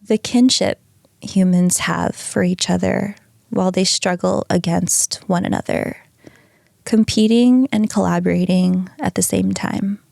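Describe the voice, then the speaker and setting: Lady reading as a hypnotized guy, chill and dreamy, slow gravelly voice. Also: on the low side, no echo, studio quality. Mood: reflective. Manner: calm, reflective answers read from a script. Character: hypnotized male patient recounting soul choices.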